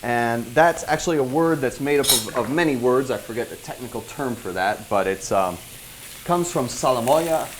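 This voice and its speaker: A man from Italy demonstrating a dish in a kitchen, halting and hesitant as he hunts for the right words. His voice has a middling pitch, with a faint sizzle of cooking in the background. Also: noisy background. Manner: hesitant, searching for words, with many fillers. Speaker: guest chef and cooking teacher. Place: kitchen with food frying.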